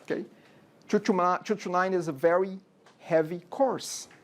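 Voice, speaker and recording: Slow and high-pitched with fairly even intonation, this man gives a casual programming lecture in a university classroom. In his forties and from Brazil, he has a Brazilian accent and frequently checks in with "okay?" and rhetorical questions.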